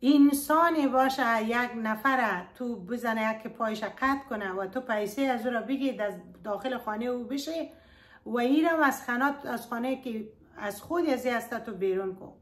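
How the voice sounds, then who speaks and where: Woman, Afghan Dari accent, high pitch, earnest storytelling monologue, pleading tone. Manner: pleading, addresses listeners fondly. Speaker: YouTube storyteller giving advice. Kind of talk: earnest advice monologue to viewers.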